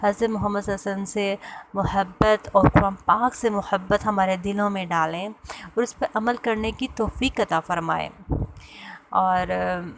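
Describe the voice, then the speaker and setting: A woman tells a personal story in a casual, hesitant way, pausing often with fillers and restarts. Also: medium pitch, fairly even intonation, vocal fry, noisy background. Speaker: vlogger sharing a personal story.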